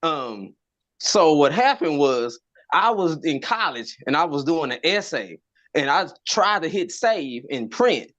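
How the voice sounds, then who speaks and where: A male comic works through a stand-up set with a lively, swinging voice. He stumbles over his words and repeats them as he tells his stories. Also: on the high side, measured pace, lo-fi sound. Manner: stammering repeats, animated storytelling. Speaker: stand-up comedian.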